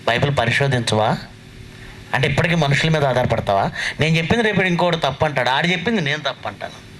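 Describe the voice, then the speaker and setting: A man preaching a sermon in a church. He scolds the congregation with rapid rhetorical questions and reads scripture slowly and deliberately. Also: a little high, lively intonation, a bit bright, a little hiss or hum, rough recording.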